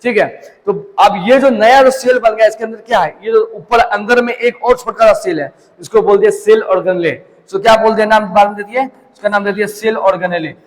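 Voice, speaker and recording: A man's voice: high voice, normal speed, long reverb tail, rough recording. A young man teaching biology, asking questions and answering them himself as he tells a story. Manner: asks and answers his own questions, storytelling. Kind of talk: classroom lecture.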